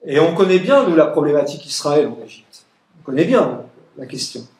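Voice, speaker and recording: This Egyptian man talks a little fast in a slightly high, darkish voice that is very animated. At a public meeting he mocks his political opponents with emphatic sarcasm, parodying their words in funny voices, all in an echoey room.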